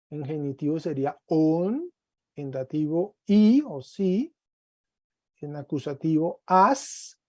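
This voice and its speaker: A man leads an online Greek lesson, patient and encouraging as he drills each form. His voice is mellow and unhurried, recorded dry over a computer mic. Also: on the high side, dry recording. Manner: patient, encouraging, drills word forms slowly. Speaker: Greek teacher. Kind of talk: online class teaching.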